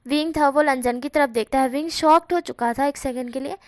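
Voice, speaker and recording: A woman's voice: high-pitched, a little fast, dry recording, clean studio sound. A woman narrating a fanfiction story casually, often stopping to explain things to her viewers in a chatty way.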